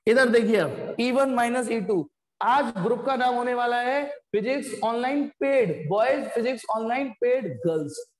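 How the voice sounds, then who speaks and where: The speaker is a man whose pitch is extremely high, delivering an animated online physics lesson at a moderate pace. Between step-by-step explanations, he cuts in to scold students bluntly. Everything echoes with long reverb from the room.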